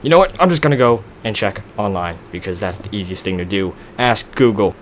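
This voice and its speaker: A young man, a let's play gamer, gives casual commentary on a block-building game, rambling and teasing himself as he figures things out. His voice is fairly low and animated, moving a little fast, with slight background noise.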